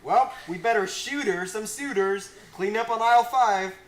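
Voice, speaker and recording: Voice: medium pitch, moderate pace, close to an everyday voice. A performer playing a boastful, goofy hero on his way home, talking in a cocky, slangy, joking way in an amateur comedy skit. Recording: roomy echo, faint noise.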